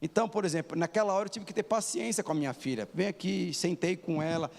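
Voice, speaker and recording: High-voiced preacher in a reverberant hall. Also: male voice, quick pace, gravelly, a little mellow. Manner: rhetorical questions to the congregation. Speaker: pastor. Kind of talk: sermon. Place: church hall.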